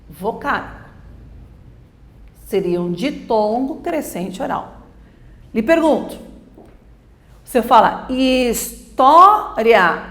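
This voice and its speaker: Woman, teacher, step-by-step grammar lesson, rather high voice, echoey room. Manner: explains step by step, asks and answers her own questions. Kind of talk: grammar lesson for exam prep.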